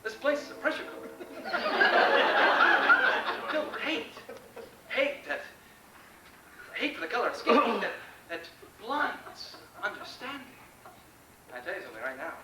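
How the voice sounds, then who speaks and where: Casting: male stage actor as a high-pitched, grandiose, deluded starship captain, indignant, halting with dramatic pauses, comic monologue, recorded in an echoey room. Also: very animated, heavily acted. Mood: exasperated. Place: indoor stage performance. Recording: roomy, distant mic, noisy stage recording.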